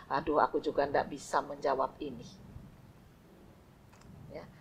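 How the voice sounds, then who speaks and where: A woman giving a calm, unhurried storytelling devotional to a congregation. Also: on the low side, lo-fi sound. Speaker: church devotional speaker.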